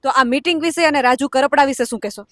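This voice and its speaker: A woman news reporter asking probing, measured questions in a field interview. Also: sits high, a bit bright, no room sound, studio quality.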